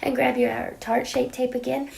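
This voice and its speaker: A young woman with a raspy, gravelly voice that sits a little high, still getting over a cold. She chats through a makeup tutorial in a playful, dramatic way, and at times she drops into a whisper for emphasis. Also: flat delivery, normal speed, darkish tone. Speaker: beauty vlogger. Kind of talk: casual makeup tutorial chat.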